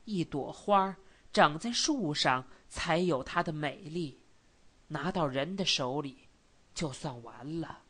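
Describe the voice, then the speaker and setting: A calm, sorrowful older scholar speaks low and quietly, each phrase measured and unhurried, as a woman reader puts him on. The voice sits deep and slow, gentle rather than forceful. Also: heavily acted.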